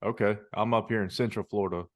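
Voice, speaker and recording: Recorded in a clean studio without echo, this fight podcast host speaks fast in a fairly low, steady voice. He keeps the interview casual, tossing friendly questions at his guest and addressing him as "man."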